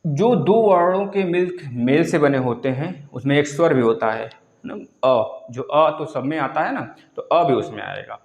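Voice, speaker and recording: Male tutor, somewhat raised pitch, drills terms over and over, roomy echo. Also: animated, measured pace, darkish tone. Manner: instructive, repeats key terms, addresses students as friends. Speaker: teacher. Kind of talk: online exam-prep lesson. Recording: echoey room.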